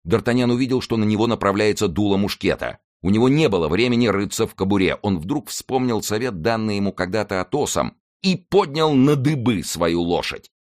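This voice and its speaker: A man narrating an adventure audiobook in a measured, dramatic way. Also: on the low side, lively intonation.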